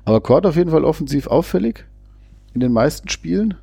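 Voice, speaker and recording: A man's voice: a little high, expressive, fast talker, gravelly, mellow, slightly rough, no room sound. A man giving casual, chatty football commentary, often hesitating and restarting his sentences. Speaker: fan co-commentator.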